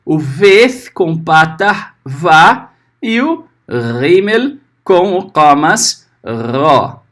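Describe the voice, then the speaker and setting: Man, teacher, patient, lively intonation, checks understanding often, sounds out syllables. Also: high voice. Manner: slowly sounds out letters and syllables. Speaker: Hebrew teacher. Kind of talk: recorded class lesson.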